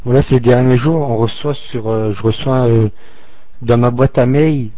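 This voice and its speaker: A man's voice: medium pitch, fairly even intonation, normal speed, no room sound. Hesitant male caller on a phone-like line. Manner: hesitant, many filler sounds. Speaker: caller asking a question. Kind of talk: hesitant question to a teacher.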